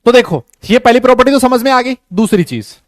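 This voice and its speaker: A man teaching a chemistry class online. He talks slowly and easily, mixes Hindi with English terms and keeps quizzing his students. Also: very high voice, animated, no room sound. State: has a headache.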